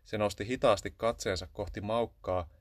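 A man narrating a children's Christmas story in a calm, even storytelling manner. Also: fairly low pitch, dry recording.

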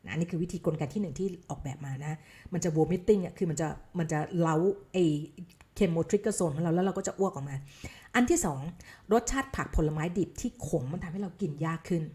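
A health educator with a somewhat low, dark-toned voice lectures casually on health science at a slightly quick pace. She explains things conversationally, slips English science terms into her speech, and keeps checking in with listeners through rhetorical questions.

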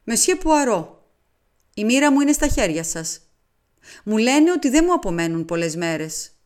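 A woman's voice: on the high side, very animated, a little mellow. A woman doing a proud dying old french lady. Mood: solemn. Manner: firm, dignified confession. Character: dying elderly French noblewoman, proud, steady.

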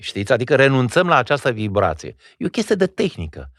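A man's voice: medium pitch, huge pitch swings, gravelly, fairly bright tone, no room sound, clean studio sound. A man, an actor being interviewed, speaking reflectively and demonstrating sounds as he explains. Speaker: actor, podcast guest. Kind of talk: conversational interview.

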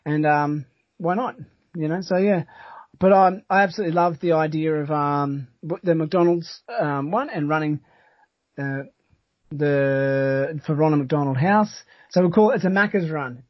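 An Australian man hosting a podcast in casual chat, talking in a halting, rambling but enthusiastic way. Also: on the high side, dry recording. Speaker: podcast host. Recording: dull, lo-fi sound.

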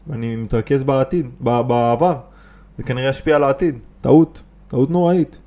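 Energetic man giving business tips, mellow voice. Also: mid-range voice. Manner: energetic, emphatic, many restarts and rhetorical questions. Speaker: podcast host, business coach. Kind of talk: casual motivational podcast talk.

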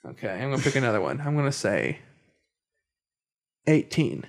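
Gravelly and sing-song at medium pitch, the voice belongs to a young man hosting a laid-back podcast at normal speed. He keeps hesitating, tripping over words and starting his sentences over.

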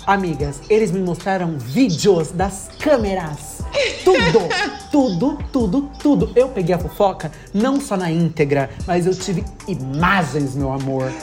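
A woman's voice: fairly low pitch, moderate pace, few pauses, music in the background. Chatty young woman spilling gossip. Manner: animated, swears freely, calls friends "amiga" and "gata". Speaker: podcast co-host. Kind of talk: casual gossip chat.

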